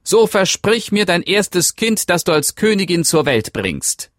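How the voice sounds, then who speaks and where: A man voicing a small mischievous male dwarf who bargains eagerly, with a shrill, squeaky, wheedling voice. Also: sing-song, measured pace, no echo, studio quality. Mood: demanding.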